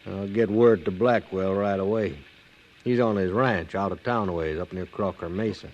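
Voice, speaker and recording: In a noisy old 1950s western radio drama, an actor plays a self-assured, conciliatory American frontier lawman with a folksy, persuasive manner. His deep voice, darkish in tone and close to an everyday voice, moves at normal speed through a muffled recording.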